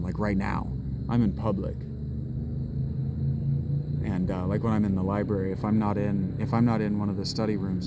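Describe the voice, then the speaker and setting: Holding the camera as he walks through a public place, a deep-voiced vlogger delivers a meandering monologue, starting sentences over and wandering into reflection. Noise from around him is audible.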